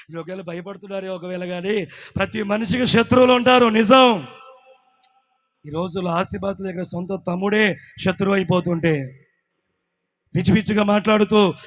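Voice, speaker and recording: A man preaching in call-and-response, leading the congregation to repeat lines. He swings from shouted peaks to quiet asides. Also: high voice. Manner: repeats lines for the crowd to echo. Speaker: pastor.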